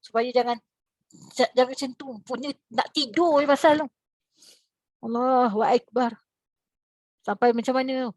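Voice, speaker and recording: A woman religious teacher with a Malaysian Malay accent giving a lively lecture, asking rhetorical questions and breaking into sudden high exclamations. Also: normal speed, pauses often, no echo. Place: lecture hall.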